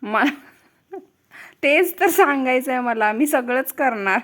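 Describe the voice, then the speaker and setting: A young woman hosts a casual family vlog, talking in an easy, everyday way. Her voice sits a little high, and she teases playfully and laughs often. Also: expressive, slow pace, a bit bright. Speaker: vlogger, mother.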